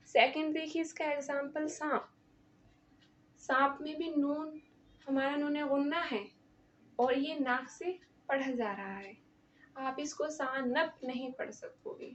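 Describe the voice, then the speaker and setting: A woman's voice: high-pitched, a little hiss or hum. A woman teaching an Urdu grammar lesson, explaining patiently, repeating examples and asking the viewer questions, with a Pakistani Urdu accent. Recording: dull lo-fi recording.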